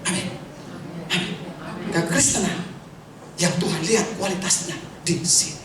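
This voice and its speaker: A man preaching with a high, bright voice, animated and quick to laugh. He sounds far from the microphone, and the sound carries through a very echoey hall with steady background noise. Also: crowd noise. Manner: animated preaching, laughing often, bursts into song. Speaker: pastor. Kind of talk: sermon with testimony. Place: church hall.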